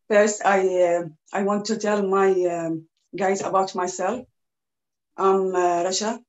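Woman, thirties, from Iraq, second-language English, very slow, hesitant, laptop call in a small kitchen. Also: medium pitch, fairly even intonation, dull audio. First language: Arabic. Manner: slow, halting learner's English with many pauses. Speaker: home cook teaching a cookalong. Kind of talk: video call cooking class. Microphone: laptop video call.

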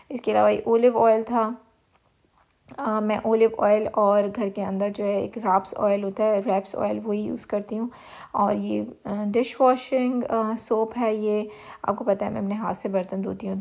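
With a Pakistani accent, a home vlogger narrates a casual grocery haul in a mid-range, darkish voice. She chats easily, explaining things and mixing in English words.

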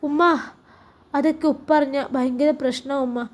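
A woman voicing a grown son who calmly reasons with his mother, in a Malappuram Malayalam accent. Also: sits high, normal speed, close to an everyday voice. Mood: reassuring.

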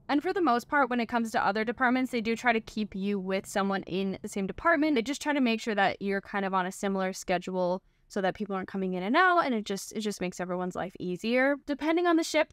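A woman's voice: medium pitch, fairly bright tone, clean tone, no room sound. Woman, 20s, ship performer vlogging to camera; chatty, filler-heavy delivery, clean dry sound. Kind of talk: casual vlog explainer. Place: small crew cabin on a ship.

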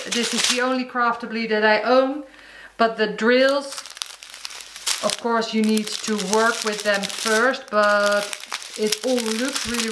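High-pitched woman vlogger taking her time, chatty, echoey room. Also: background noise. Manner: chatty, addresses viewers as guys, describes items as she shows them. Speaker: crafting vlogger. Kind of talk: casual unboxing chat.

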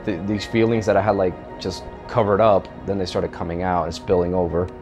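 A man in his thirties, an army medic veteran, giving a candid, profane interview in a dark studio with a joking, blunt manner. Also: deep voice, level tone, a little fast. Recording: music underneath.

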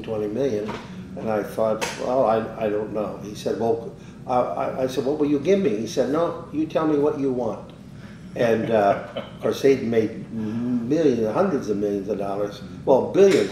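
An older man tells a long story in a loose, rambling way and acts out every quoted exchange. The voice sits a little away from the microphone in a roomy space, with a faint rumble underneath. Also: darkish tone, distant mic. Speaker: interviewee, business owner. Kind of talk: casual storytelling.

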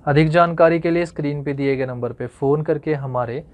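A man's voice: fairly high pitch, fairly quick. Man giving step-by-step instructions. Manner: addresses viewers as friends, step-by-step instructions. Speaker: host of an occult remedies channel. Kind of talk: instructional monologue. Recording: dull lo-fi recording.

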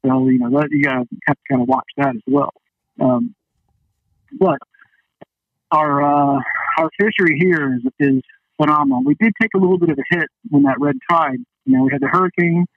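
His voice runs on the high side and a little fast, in a dry recording over a dull, band-limited phone line. The man is a guest fishing captain telling stories in a casual interview chat, folksy and full of "you know."

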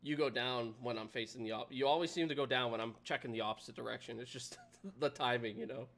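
A man's voice: medium pitch, fast talker, a bit bright. Chatty man streaming a game. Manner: chatty, rambling, laughs often. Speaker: live streamer. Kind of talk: casual gameplay commentary.

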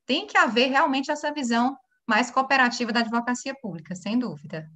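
Woman from on a panel, explains things earnestly, bit high voice. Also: brisk, a bit bright. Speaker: panelist, public law attorney. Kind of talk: panel talk, explaining legal views.

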